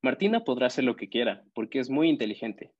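Serious, formal schoolboy, as a man reads him, calm and steady, close to the reader's own voice, dull recording. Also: mid-range voice, fast talker. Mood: earnest.

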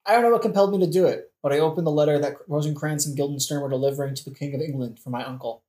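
Speaking low and rapid-fire in a dark tone, a woman plays a sarcastic, melodramatic young prince in a modern comedic audio play. She sounds smug, theatrical and sardonic, though only lightly acted, and the recording has a roomy echo.

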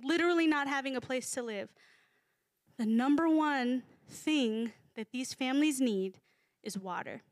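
A woman's voice: high-pitched, no room sound, studio quality. A woman in her thirties giving a casual, humorous sermon to a congregation, chatty and full of fillers. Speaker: speaker at a church gathering.

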